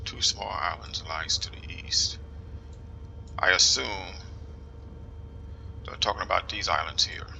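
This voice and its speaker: Low, creaky and pushed-bright, this man's New Jersey-accented voice offers casual flight sim commentary as he muses aloud, slowly reads instructions and often falls to a whisper. The low-quality recording carries a little hiss or hum.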